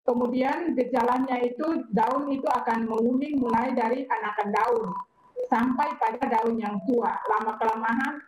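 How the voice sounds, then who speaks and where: A woman plant protection expert explaining in a measured way, often pausing with fillers. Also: fairly high pitch, fairly even intonation, a little mellow, echoey room, a little hiss or hum, rough recording. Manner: measured, with frequent hesitation fillers.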